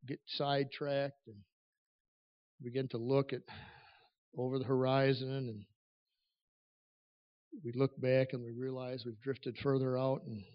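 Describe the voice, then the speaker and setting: A man's voice: mid-range voice, muffled recording. A man preaching an earnest, personal sermon at a pulpit microphone in a church, building to emphatic stresses.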